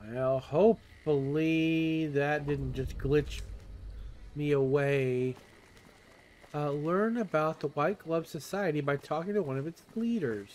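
A man's voice: fairly high pitch, slow pace, a little mellow, slight background noise. A man hosting a gameplay video, casually thinking aloud as he plays. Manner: thinks aloud, echoes game dialogue. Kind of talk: casual game commentary.

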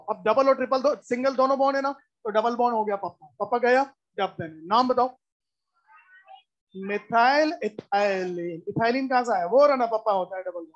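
Casual: lady teacher in a classroom, drills the same point over and over, always asking yes or no. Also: a little high. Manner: quizzes students with constant questions; repetitive, drilling explanations. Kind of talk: classroom lecture.

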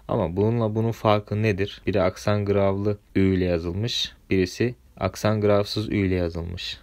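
A man's voice: deep voice, a little mellow. A man with a Turkish accent teaching a French grammar lesson, patiently spelling out sounds letter by letter.

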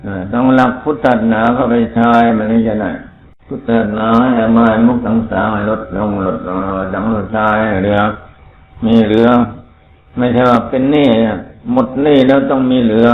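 A man preaching a sermon as a monk, in a rambling, conversational way. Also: mid-range voice. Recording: phone-like, roomy, faint noise.

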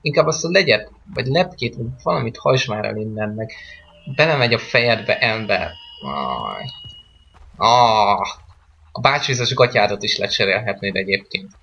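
A man's voice: lowish voice, lively intonation, vocal fry, sharp tone, muffled recording, slight background noise. A man giving casual, rambling let's-play commentary on a game, joking and chatting with the game's characters. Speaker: gameplay commentator.

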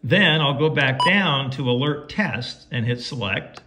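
Loud music plays behind a man's medium-pitched, expressive voice as he delivers a folksy, casual how-to at a measured pace, narrating each step to himself. He's a how-to video presenter at home near a tabletop radio, and the recording is clearly noisy with clicks.

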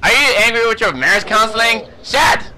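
A man commenting on his own gameplay, swearing a lot and yelping and shouting whenever he panics. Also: high-pitched, moderate pace, a little hiss or hum. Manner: excitable, profane, yelps and shouts in panic. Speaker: let's play host.

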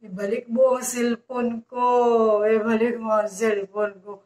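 A slow, low phone ghost, as a woman puts her on. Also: steady tone, a little mellow, natural voice. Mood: menacing. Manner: slow, low, menacing demand. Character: vengeful female ghost on a phone line. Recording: roomy echo.

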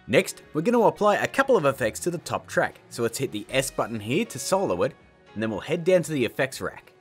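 A man in his thirties hosts a casual scripted tutorial, speaking briskly at a medium pitch with big pitch swings over soft background music. His style is jokey, emphatic and theatrical.

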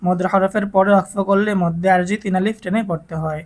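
A man with a Bangladeshi Bengali accent teaching Quran reading, who spells out letters and vowel marks and then draws out whole words slowly. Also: high-pitched, fairly even intonation.

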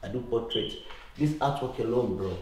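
A man's voice: mid-range voice, normal speed, a little mellow, a little hiss or hum. A man sheltering in an abandoned house, talking casually and emphatically in an empty room, filmed from a distance. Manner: casual, says "bro" often, emphatic. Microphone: camera held at a distance. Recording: echoey empty room, far from mic.

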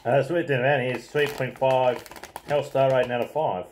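A man's voice: mid-range voice, steady tone, normal speed, darkish tone. A man, chatting casually as co-host of a snack review. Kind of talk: casual chat, product review. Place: small domestic kitchen, indoors. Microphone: camera mic at table distance. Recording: noisy room, clicks.

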